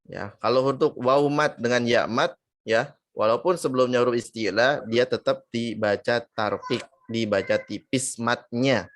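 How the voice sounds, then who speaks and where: A man teaching Quran recitation online, speaking in an unhurried, measured way. His voice sits at an ordinary pitch. He stretches and repeats sample syllables so each sound comes through clearly, and the sound is close and dry with no room echo. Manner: explains patiently, drawing out and repeating sample syllables. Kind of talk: online tajwid lesson.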